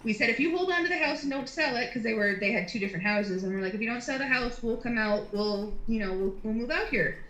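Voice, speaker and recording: Bright-voiced woman chatting. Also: on the high side, expressive, fast talker, hardly any pauses, reverberant, poor audio. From Ontario, Canada. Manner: rambling, with many fillers and restarts. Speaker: guest. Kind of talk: casual chat.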